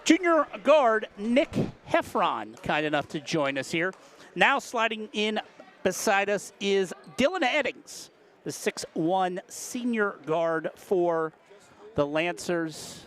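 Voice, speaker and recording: An older man, a local broadcaster, chatting folksily through post-game interviews with high school players in a gym. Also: lively intonation, slow pace, fairly bright tone. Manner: chatty, folksy, rambling questions. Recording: noisy crowd in a gym. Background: cheering crowd.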